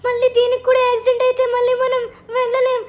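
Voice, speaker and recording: A man's voice: very high voice, monotone, rapid-fire, voice pushed up. A man voicing an anxious young woman late for her flight in a game story, fretting about her bad luck. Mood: fretful. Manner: fretful, complaining of bad luck.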